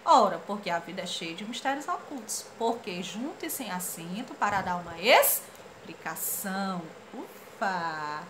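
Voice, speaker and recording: A Brazilian woman teaching a children's grammar lesson, animated and playful as she reads out comic strip lines. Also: medium pitch, normal speed, slight background noise. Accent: Brazilian Portuguese. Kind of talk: lively classroom lesson for children.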